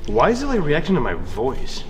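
A man's voice: on the high side, huge pitch swings, normal speed. A man talking casually and bluntly as he leads a ghost investigation for a vlog. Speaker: ghost-hunting vlogger. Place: large derelict indoor theatre. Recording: echoey hall, music over voice.

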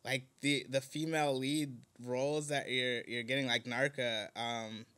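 Male show host, clear resonant voice, eager, rambling questions. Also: medium pitch, level tone, a little slow, sharp tone. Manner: enthusiastic, uses many fillers. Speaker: interview host. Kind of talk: casual interview questions.

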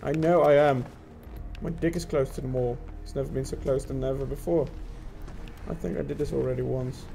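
A man's voice: mid-range voice, steady tone, brisk, vocal fry, dark tone, faint music behind. A man giving let's play commentary, frustrated and swearing as he talks to himself and his viewers. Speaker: gameplay commentator.

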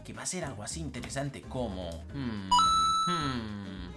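A woman's voice: very deep voice, lively intonation, fast talker, over loud music. A woman doing teasing, exclamation-filled gameplay commentary for her video channel. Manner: teasing, exclaiming, laughing at opponents. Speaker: gaming YouTuber.

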